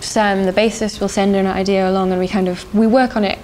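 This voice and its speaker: A young woman from South Africa who sings in a band talks through her answers thoughtfully and with some hesitation, often laughing. Her pitch sits in a middle range for a woman. A faint hiss of noise stays under her voice. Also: level tone, a little fast, a little mellow, low-quality recording. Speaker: band singer. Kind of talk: casual interview answers.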